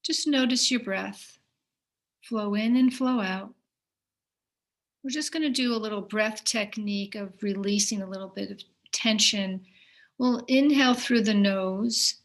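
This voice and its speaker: A meditation teacher, a woman with a mid-range voice, leads a guided session. She gives gentle instructions without hurrying and pauses between phrases.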